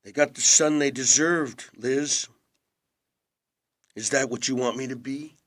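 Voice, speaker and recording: A male actor with a medium-pitched voice performs in an intimate audio play as an estranged older brother, a charming movie star given to self-blame. He is measured and quietly intense, teasing dryly. Here the mood turns wounded and earnest.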